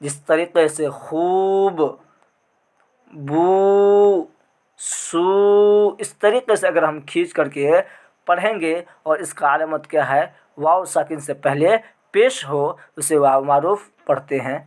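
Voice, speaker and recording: A man's voice: on the high side, a little slow. A man teaching an online grammar lesson, asking questions and answering them himself, drawing out the example words.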